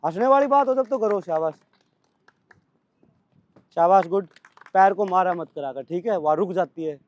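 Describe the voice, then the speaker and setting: Brisk, scolding Delhi coach, high voice. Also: male voice, no echo, dull audio. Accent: Delhi Hindi. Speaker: physical training coach. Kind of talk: coaching at outdoor practice.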